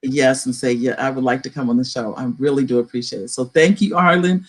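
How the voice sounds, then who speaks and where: Woman talk-show host, effusive and gracious, signing off with warm thanks. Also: extremely low pitch, fairly even intonation, brisk, breathy edge.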